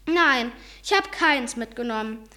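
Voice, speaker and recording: A woman's voice: on the high side, lively intonation, measured pace, pushed and bright. A woman doing an earnest young boy. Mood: plain.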